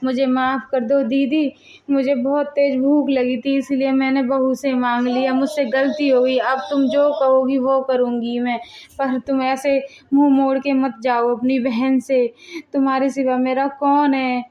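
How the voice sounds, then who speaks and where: A woman's voice: high voice, little pitch movement, unhurried. A woman voicing a meek, hungry older mother-in-law who speaks in a pleading, timid way. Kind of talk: family drama voice acting. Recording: dull audio with faint music.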